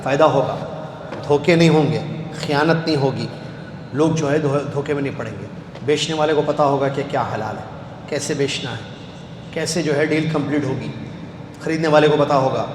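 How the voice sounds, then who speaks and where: A man's voice: a little high, pauses often. A man teaching a classroom lecture, asking his students questions and answering them himself, repeating key words. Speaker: Islamic studies teacher. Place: lecture hall. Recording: echoey hall with faint background noise.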